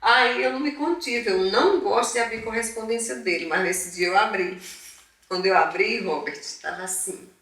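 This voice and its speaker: A woman from northeastern Brazil recounts her life for a documentary, playing out old conversations as she goes. Her voice is bright and forward. It sounds far from the mic in a very echoey room. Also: medium pitch. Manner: lively storyteller who acts out past conversations. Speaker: interviewed mother. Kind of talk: documentary interview storytelling.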